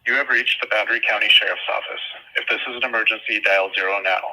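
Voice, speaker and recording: A man reading a recorded phone menu message in a measured, formal way, heard as it plays over a call. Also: fairly low pitch, low-quality recording. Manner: measured, even, formal delivery. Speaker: automated phone menu announcer. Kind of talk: scripted recorded announcement.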